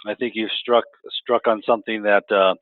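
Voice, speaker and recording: Speaking at a moderate pace with a level tone, this man has a fairly low voice and no echo around him. He's interviewing a guest and keeps stumbling, restarting and repeating himself, all through a thin, dry line that sounds like a phone.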